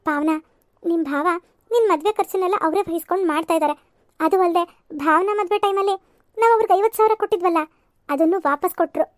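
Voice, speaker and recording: A woman's voice: very high voice, fast talker, dry recording, clean studio sound. A woman voicing a young sister in a cartoon serial, fretful and rambling.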